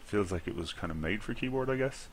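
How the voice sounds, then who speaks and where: A man from Ireland who makes gaming videos rambles casually to himself while playing, chuckling at his blunders. His fairly low voice is expressive and quick, with slight background noise.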